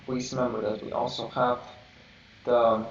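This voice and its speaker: A man teaching a programming class, halting and searching for words as he explains, heard from a distance. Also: mid-range voice, little pitch movement. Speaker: programming instructor. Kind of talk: live coding lecture. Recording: roomy, distant, dull lo-fi mic with faint hiss.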